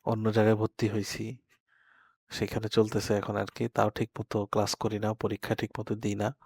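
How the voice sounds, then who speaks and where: A young man, telling a rambling personal story in a casual podcast chat, speaking quietly at night. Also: lowish voice, monotone, moderate pace, husky, no room sound, clean studio sound. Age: young adult. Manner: soft-spoken, rambling with self-corrections. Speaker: podcast co-host. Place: bedroom at night.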